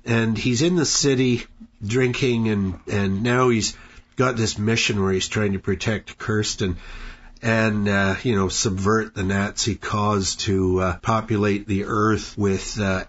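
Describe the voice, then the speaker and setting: A man's voice: lowish voice, fairly even intonation, measured pace. A man co-hosting a podcast, retelling a movie plot in a casual, laughing, sarcastic way. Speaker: podcast co-host. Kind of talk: casual movie review chat. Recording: dull lo-fi podcast audio with faint hiss.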